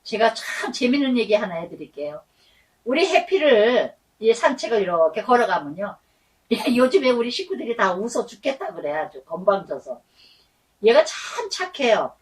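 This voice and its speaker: A middle-aged woman pastor preaching a sermon, telling stories in a lively way and acting out the voices she quotes, stretching words for emphasis. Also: a little high, moderate pace, recorded from a distance, low-quality recording.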